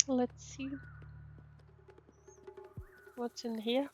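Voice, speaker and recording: Speaking extremely slowly in a fairly high, steady voice, this woman streamer casually comments on a game. She reads text from the screen, thinks out loud, and murmurs little acknowledgements, all through a muffled mic with faint game music behind her.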